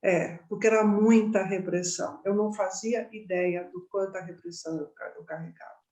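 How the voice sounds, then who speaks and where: Her medium-pitched, mellow voice stays steady at a moderate pace as she teaches meditation in a chatty, informal way. She keeps checking in with listeners through frequent tag questions, and there's a roomy echo to the sound.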